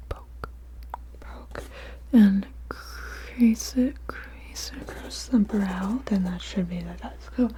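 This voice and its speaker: A woman in a whispered role-play, mumbling to herself in a breathy whisper with soft murmurs, hums and half-finished phrases that trail off. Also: on the high side. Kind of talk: whispered ASMR role-play of studying the listener and taking notes.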